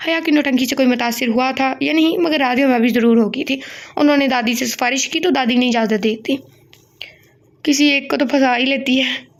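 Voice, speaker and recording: A woman's voice: high voice, fairly even intonation, brisk. A woman reading a romance novel aloud, adding chatty asides to her listeners. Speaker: novel reader.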